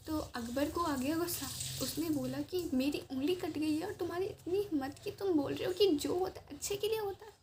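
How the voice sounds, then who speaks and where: A woman casually telling a moral story and giving a motivational talk, chatty, meandering and earnest. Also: sits high. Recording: noisy background hiss.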